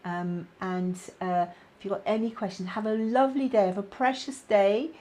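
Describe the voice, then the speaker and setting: A middle-aged woman with a British accent hosting a casual live-stream chat, talking warmly to viewers with plenty of fillers. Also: medium pitch, steady tone, normal speed. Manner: chatty, many fillers, reads out viewer comments. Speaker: spiritual guidance host.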